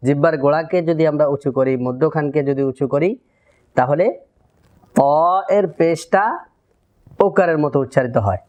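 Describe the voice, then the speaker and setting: A man teaching Quran pronunciation in a methodical tajweed lesson, repeating syllables deliberately for learners to copy. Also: fairly high pitch, a little mellow. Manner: drills letter sounds, repeats syllables deliberately.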